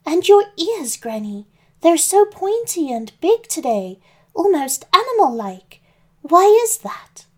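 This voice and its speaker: A woman voicing a cheerful, innocent young girl who asks bright, curious questions. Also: very high-pitched, sing-song, slow, pitched above the performer's own voice, exaggerated voice. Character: cheerful sweet young girl, Little Red.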